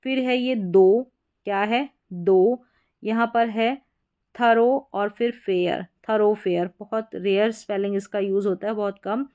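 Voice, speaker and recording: Woman teaching spelling, smooth clear voice. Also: medium pitch, steady tone, darkish tone, muffled recording. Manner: spells out letters slowly, repeats each word several times. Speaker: English pronunciation teacher. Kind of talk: explanatory lesson.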